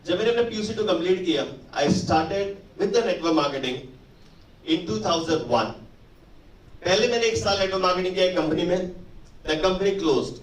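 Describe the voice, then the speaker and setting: A man's voice: sits high, animated, measured pace, recorded from a distance. A man in his forties with an Indian English accent, giving a motivational stage speech at a network marketing event. He mixes Hindi and English and keeps putting rhetorical questions to the audience. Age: 40s. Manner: switches between Hindi and English mid-sentence. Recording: echoey hall, mic held back from mouth.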